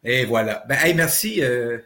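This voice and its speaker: A man's voice: mid-range voice, lively intonation, moderate pace, pushed and bright. A man handling the callers for the show, hesitant and repeating his words. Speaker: show producer. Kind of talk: casual behind-the-scenes talk.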